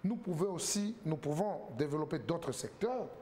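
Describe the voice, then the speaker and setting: A man's voice: on the high side, animated, moderate pace, mellow, slight background noise. A man, a political guest on a TV talk show, arguing emphatically with rhetorical questions and repeated words. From Congo.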